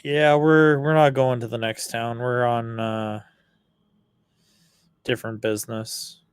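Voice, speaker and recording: Clear-voiced man, slow tabletop role-player. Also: mid-range voice, level tone, dry recording. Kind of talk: casual in-character role-play.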